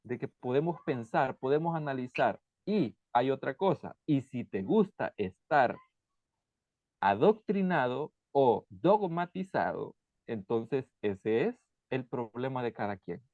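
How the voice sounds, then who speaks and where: A man's voice: medium pitch, unhurried, dry recording. Brief: male host, easygoing and plain-spoken, dry lo-fi recording. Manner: relaxed, plain-spoken, with restarts. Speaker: channel host. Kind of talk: casual conversation. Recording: dry, dull lo-fi sound.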